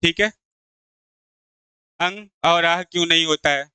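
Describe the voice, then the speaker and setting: A male Hindi teacher gives an exam-prep lesson in a high, clear, smooth voice. He talks slowly and patiently, poses each question and answers it himself. The sound is dry and close. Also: pushed and bright, no echo. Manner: repeats key terms slowly; addresses viewers as "friends".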